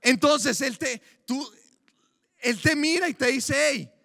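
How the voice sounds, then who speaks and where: A man delivers a sermon in a strikingly high register. He preaches emphatically, piling up repeated phrases for stress. The sound is dry, with no room around it. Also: slow pace, gravelly, sharp tone, dry recording, big-room sound. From Colombia.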